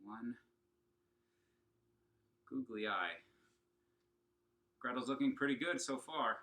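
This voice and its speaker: Speaking slowly in a medium-pitched, bright and forceful voice, a man teaches children singing and opera from his home. His lesson is upbeat and encouraging, and he talks right to the kids, asking them questions throughout.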